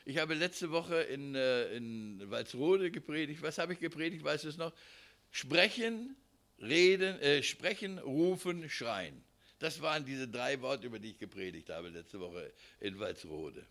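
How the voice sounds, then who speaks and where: Male preacher, gravelly, very animated pitch, talks straight to the congregation. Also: unhurried. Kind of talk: sermon.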